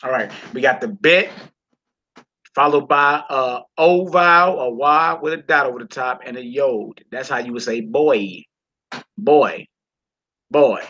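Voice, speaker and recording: A man's voice: mid-range voice, normal speed, bright, forceful tone, highs cut off. A man teaching a Hebrew reading lesson, encouraging his student and repeating words and phrases.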